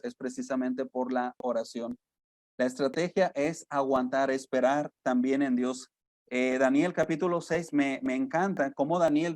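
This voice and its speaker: A man's voice: fairly high pitch, darkish tone, no room sound. Man, Mexican Spanish accent, missionary sermon, earnest, rhetorical questions, dry close sound. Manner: earnest, addresses listeners as brothers, asks rhetorical questions. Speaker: missionary preacher. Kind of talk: sermon to a men's group.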